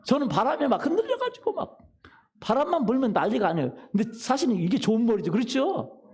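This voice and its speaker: A man's voice: very high-pitched, big pitch swings, fast talker, a little mellow. A middle-aged man preaching a sermon as pastor, telling humorous stories and asking the congregation questions. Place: church sanctuary.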